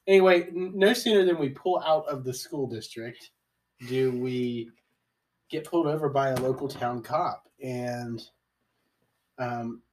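A man's voice: mid-range voice, a little slow, far from the mic, low-quality recording. A young man co-hosting a podcast, telling stories in a laid-back, joking way. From Ohio, US. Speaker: podcast co-host. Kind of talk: casual storytelling chat.

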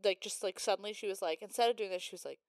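A woman's voice: mid-range voice, racing, no room sound. A woman co-hosting a podcast, joking sarcastically about a film in casual chat and laughing often. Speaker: podcast co-host. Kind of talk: casual movie recap chat.

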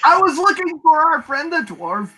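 A player at a tabletop role-playing game, deadpan and dry in character. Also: high-pitched, moderate pace, low-quality recording.

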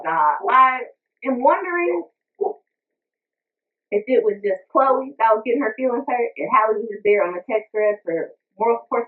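A woman giving a casual, animated music review, chatting and breaking into little sung bits. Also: fairly high pitch. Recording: tinny phone-like sound, distant mic.

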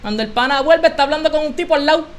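A young man, co-hosting a podcast and telling a story in casual slang, animated and often laughing. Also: very high-pitched, racing, slight background noise. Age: young adult. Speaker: podcast co-host.

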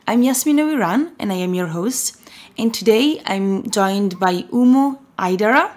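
A woman's voice: mid-range voice, expressive, moderate pace, darkish tone. A woman hosting an interview, asking friendly, curious questions. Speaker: host.

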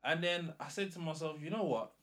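Bright-voiced London roadman telling a story. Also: fairly high pitch, fairly quick. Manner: slangy, acts out quoted dialogue. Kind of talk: casual animated storytelling.

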